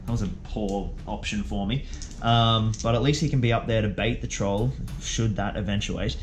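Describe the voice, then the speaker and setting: Over background music, a man with a lowish voice and fairly even intonation talks at normal speed, with slight background noise. Hosting his tabletop wargame video while playing, he offers jokey, self-deprecating commentary and cries out at the dice.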